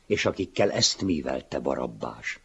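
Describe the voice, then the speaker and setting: A man reading a story and voicing a calm, gentle master who speaks softly and quietly. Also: rumbling low, breathy edge, dull audio, full character voice. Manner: soft and gentle, hushed. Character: gentle, calm male master, a teacher figure.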